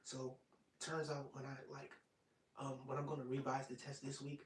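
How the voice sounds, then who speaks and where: A man of twenty-five hosting an ASMR live stream, chatting casually and rambling, sometimes dropping into soft whispers. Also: mid-range voice, moderate pace, far from the mic. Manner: rambling and relaxed, drops into soft whispers at times. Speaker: ASMR channel host. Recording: roomy, off-mic sound with faint noise.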